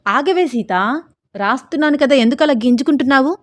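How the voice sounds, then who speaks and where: A woman's voice: medium pitch, normal speed, dark tone, no room sound, natural voice. Playful young husband in a romance audiobook, read by a woman; coaxing, light, dry close sound. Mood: teasing. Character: young man, gentle teasing husband.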